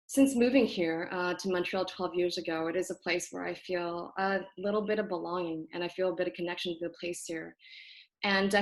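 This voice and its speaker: A young woman from Toronto, Canada, whose first language is Cantonese, hosts a community group video call from her apartment on her computer. She gives a casual, earnest introduction to the online talk, speaking thoughtfully with many ums and self-corrections. Her voice is lowish, and the audio is poor.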